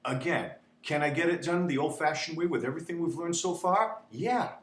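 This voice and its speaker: A man's voice: a little high, fairly quick, a bit bright. A man teaching a spreadsheet tutorial in a chatty, repetitive way, often asking "okay?". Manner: chatty, repeats "okay?", dramatizes panic. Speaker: instructor. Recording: echoey room with faint hum.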